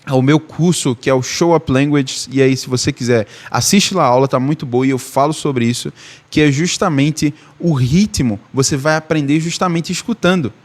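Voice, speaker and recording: A language teacher with a fairly high-pitched voice and a Recife accent from Northeast Brazil speaks at a normal speed. His online lesson is casual and chatty, and he keeps checking in with the listener by repeating "tá?" and "beleza?"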